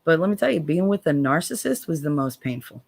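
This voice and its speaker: With big pitch swings and a slightly fast, gravelly delivery, an American woman runs a casual livestream, answering viewer comments bluntly. She curses freely and shifts from tired, low remarks to biting sarcasm.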